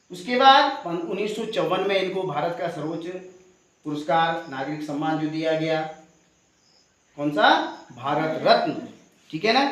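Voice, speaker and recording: A man teaching at a school assembly, speaking to the students and asking them questions as he goes. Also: a little high. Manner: keeps asking the audience questions and adding a tag question. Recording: very echoey hall.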